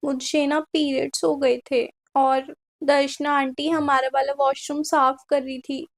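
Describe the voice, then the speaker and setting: A woman's voice: sits high, flat delivery, a little slow. A woman doing a timid tearful schoolgirl. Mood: apologetic. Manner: apologetic, tearful. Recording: faint music behind.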